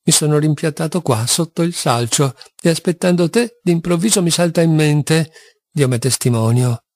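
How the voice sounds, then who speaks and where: A man's voice: a little high, moderate pace, a little mellow, no echo, clean studio sound. A man reading an audiobook, voicing a passionate, tormented young man who swings between despair and wild exultation. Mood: brooding.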